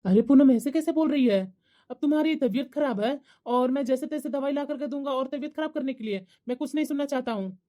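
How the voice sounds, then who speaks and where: A woman's voice: high-pitched, warm tone, close to an everyday voice. A woman voicing a caring young husband who insists firmly in a family cartoon. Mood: insistent. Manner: firm, protective, quick. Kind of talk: cartoon voice acting.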